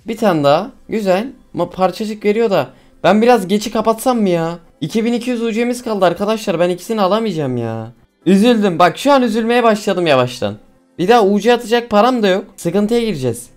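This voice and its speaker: Excitable young man, gaming commentary. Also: high-pitched. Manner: excitable, pleading with the game, chatty with viewers. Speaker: mobile game streamer.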